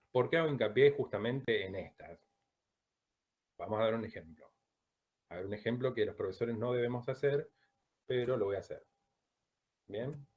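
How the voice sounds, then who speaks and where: A man from Latin America teaching a Chinese pronunciation class, who drills sounds slowly and checks in with "¿bien?" after each point. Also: medium pitch, animated, dull audio. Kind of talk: online class lecture.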